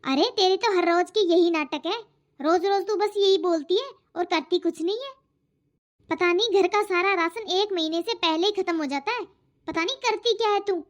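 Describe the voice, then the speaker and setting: A woman's voice: very high-pitched, moderate pace. A woman voicing a nagging, harsh middle-aged mother-in-law in a cartoon, talking in a taunting, scolding way. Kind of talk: cartoon voice acting. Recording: dull lo-fi audio.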